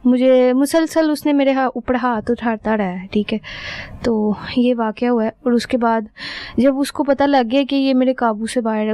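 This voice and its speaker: A young woman gives an interview about her own ordeal. Her fairly high voice is smooth and clear. She tells it earnestly and at length, and keeps checking in with her listener as she goes. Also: warm tone, no echo. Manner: earnest, rambling retelling with frequent checking-in fillers. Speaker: interviewee recounting a crime. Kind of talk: personal testimony in an interview.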